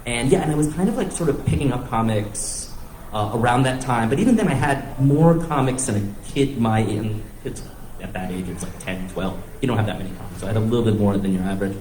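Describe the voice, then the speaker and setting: Speaking a little fast in a medium-pitched, slightly mellow voice, this American man shares personal anecdotes on a comics panel, breaking into his own sentences as he thinks. He's from the northeastern United States and Thailand. The live event takes place in an echoey room with faint background noise.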